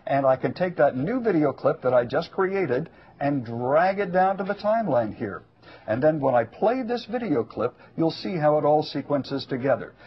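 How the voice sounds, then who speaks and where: Man, slightly high voice, home shopping demonstrator, folksy, explanatory, lightly joking, mildly lo-fi audio. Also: very animated, moderate pace. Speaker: guest electronics expert demonstrating a product.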